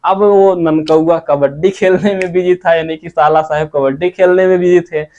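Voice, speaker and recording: A man's voice: fairly high pitch, steady tone, moderate pace, a little mellow. A man teaching a grammar lesson. He asks questions and answers them himself, and draws out sung examples. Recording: dull lo-fi recording.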